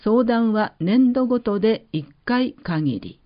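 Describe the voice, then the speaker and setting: A woman announcer reading public-service notices, with slow, measured, carefully enunciated list reading. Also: a little high, lively intonation. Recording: dull lo-fi recording.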